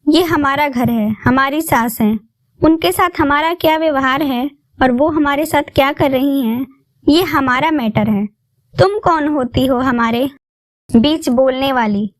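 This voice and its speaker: A woman's voice: sits high, unhurried, dry recording. Woman as a bold young daughter-in-law. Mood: defiant. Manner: firm, defiant.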